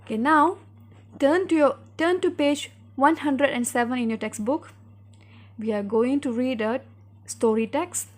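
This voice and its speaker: A woman teacher giving a recorded reading lesson, reading a story clearly and guiding pupils through questions step by step. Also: high-pitched, a little slow.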